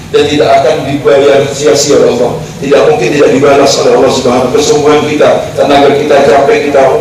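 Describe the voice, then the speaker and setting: Echoey preacher man exhorting a crowd. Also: mid-range voice. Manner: exhorting, asks the crowd "paham ya?". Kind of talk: sermon. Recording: very echoey, far from the mic, with noise.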